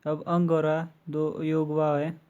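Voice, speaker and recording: A man teaches an exam-prep grammar lesson, working methodically through lists of letters with examples. His voice sits a little high for a man but sounds mellow and dark in tone. He speaks in a flat, even delivery. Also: clear, resonant tone, dull audio. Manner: slow, methodical listing with examples.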